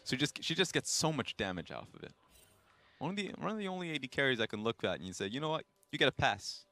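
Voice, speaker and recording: A man's voice: medium pitch, big pitch swings, quick pace, bright, forceful tone. A man doing color commentary on a live esports match, analytical and explaining plays at length.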